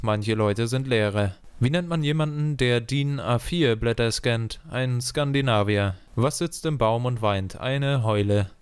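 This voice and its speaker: Deadpan man with a smooth, dry voice. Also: medium pitch, dry recording. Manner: deadpan question-and-punchline delivery, slowing on punchlines. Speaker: joke teller. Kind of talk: reading one-liner jokes.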